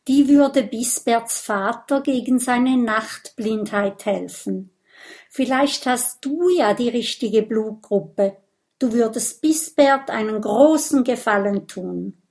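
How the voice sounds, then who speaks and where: A woman narrating a children's audiobook in a slow, clear storytelling manner. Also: a little high, a little mellow.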